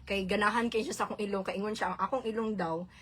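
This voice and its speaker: A woman's voice: medium pitch, fairly even intonation, quick pace, a bit bright. A woman from the Philippines with a Visayan accent, chatting casually on a live stream, laughing often and mixing languages. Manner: chatty, laughs often, mixes Tagalog, Cebuano and English.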